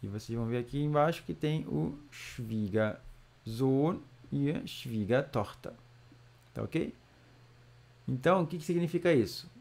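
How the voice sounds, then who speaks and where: A man teaching German vocabulary in a casual lesson, drawing out each word slowly between chatty asides. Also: mid-range voice, lively intonation, vocal fry, darkish tone. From Brazil. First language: Portuguese. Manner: slow, drawn-out model pronunciation with chatty asides.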